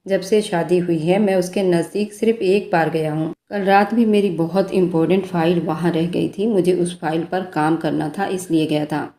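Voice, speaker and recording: A man's voice: high-pitched, steady tone, normal speed, few pauses, warm tone. A woman voicing a teasing, affectionate young husband in a romantic spoken story, coaxing and playful. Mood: defensive. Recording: roomy echo.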